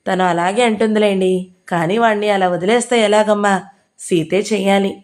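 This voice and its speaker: A woman's voice: mid-range voice, fairly even intonation, normal speed, darkish tone, natural voice. A woman reading the lines of an insistent older father in an audio novel, in her own plain voice. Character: older father pushing his daughter's court case.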